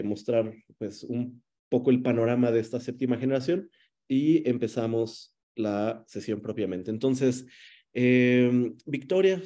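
A man in his forties hosting an online journalism workshop from a room at home, speaking in a measured way with many hesitations. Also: medium pitch, dark tone. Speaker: workshop moderator. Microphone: video call.

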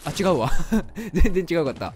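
A man with a Kansai accent giving chatty, excitable commentary while playing a video game. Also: a little high, moderate pace, a little hiss or hum. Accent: Kansai Japanese. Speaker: game streamer. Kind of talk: let's play commentary. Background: faint game music.

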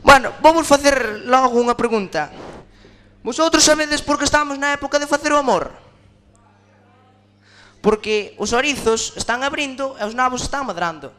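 Bright-voiced Galician man cracking jokes. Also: very high voice, normal speed, pauses often, slight background noise. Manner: chatty, laughs at his own jokes. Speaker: comedian. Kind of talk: stand-up joke telling at a festival.

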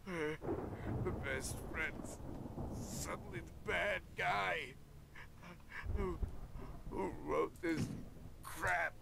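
An actor playing a frantic, drunk male sidekick in a video game, with a gravelly, slurring voice. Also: a little high, very slow, pauses often, noisy background, exaggerated voice. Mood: rambling drunk. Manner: panicked shouting, then rambling.

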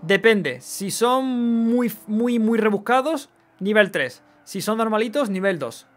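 A man's voice: sits high, expressive, slow pace. Chatty streamer man. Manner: chatty, swears casually, reads chat aloud. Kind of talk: casual live gameplay chat.

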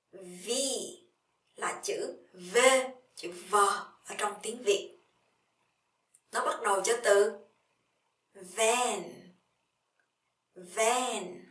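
Woman, Vietnamese accent, English teacher, very slow, drawn-out repetition, echoey room. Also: medium pitch, fairly bright tone, distant mic. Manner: slow, drawn-out repetition of each letter and word. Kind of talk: slow spoken English lesson.

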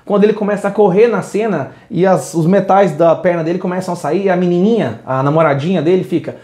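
A man's voice: high-pitched, quick pace, dark tone, echoey room. A man teaching an English lesson, moving between English and Portuguese in an upbeat, direct way. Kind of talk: video lesson.

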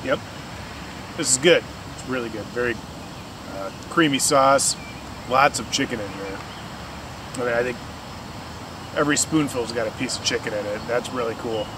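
A man in his forties casually talking on a camping vlog, relaxed and chatty with lots of fillers, recorded outdoors on a camera. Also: medium pitch, moderate pace, long pauses. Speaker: vlogger. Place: outdoors at a campsite and on a bike trail. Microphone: camera on a tripod, action cam while riding. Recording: noisy outdoor camera audio. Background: outdoor ambience.

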